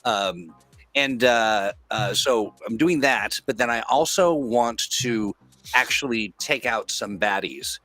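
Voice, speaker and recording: A man's voice: mid-range voice, slow pace, pushed and bright, faint music behind. A man playing a tabletop game casually, thinking aloud and feeling his way through his moves. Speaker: game player.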